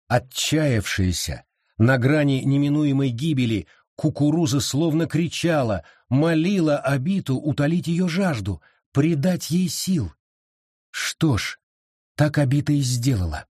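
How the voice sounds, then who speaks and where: A man narrating an audiobook in a measured, steady storytelling manner. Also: mid-range voice, slightly rough, dry recording, studio quality. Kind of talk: scripted narration.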